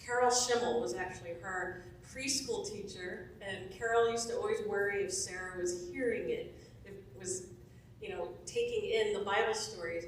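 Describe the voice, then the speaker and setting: A woman in her forties, chatty and laughing often, telling a warm testimonial story to a church. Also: medium pitch, normal speed, a little hiss or hum. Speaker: former church member giving a testimonial. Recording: echoey room from far off.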